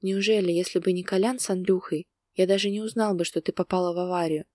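A woman's voice: fairly low pitch, steady tone, fast, warm tone, no room sound, studio quality, close to an everyday voice. A woman reading the lines of a restrained man who is torn up with emotion, speaking tense and urgent in a storybook reading. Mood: anguished. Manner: tense, urgent, speaking through gritted teeth. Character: distraught adult man, restrained but emotional lover.

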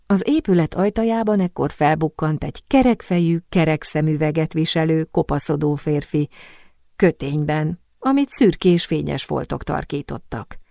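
A woman narrating a historical novel audiobook in a measured, descriptive way, close to the mic. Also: deep voice, creaky, warm tone, dry recording. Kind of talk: scripted narration.

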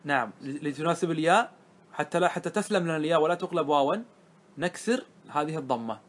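High-voiced male grammar teacher. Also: fast talker. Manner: explains step by step, often checking understanding with the class. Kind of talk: classroom lesson on grammar.

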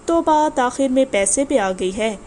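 A woman voicing a cold, arrogant wealthy man in an audiobook, speaking in a cool, cutting, measured way. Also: sits high, lively intonation, a little mellow, slight background noise. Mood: menacing.

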